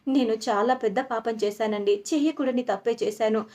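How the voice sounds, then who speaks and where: A woman's voice: on the high side, a little fast, darkish tone, lightly acted. A woman voicing a guilt-ridden older woman who pleads and begs forgiveness in a retold serial scene. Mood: pleading. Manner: pleading, repeatedly begging forgiveness.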